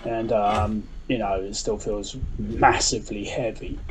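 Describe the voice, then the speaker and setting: A man with a slightly low voice talks through his build in a casual vlog style. His delivery is conversational and loosely structured, with faint ambient noise behind him. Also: flat delivery, unhurried. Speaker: DIY build vlogger. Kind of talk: casual explanatory vlog talk.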